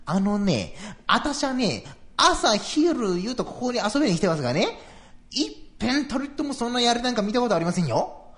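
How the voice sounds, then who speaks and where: A man voicing an excitable, brash young commoner neighbor, talking high, quick and blustering in traditional comic storytelling. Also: heavily acted. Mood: indignant.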